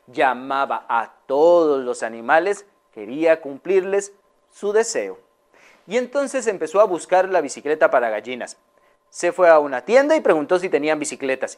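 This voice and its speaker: A woman telling a children's story, animated and often asking her young listeners questions. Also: sits low, moderate pace.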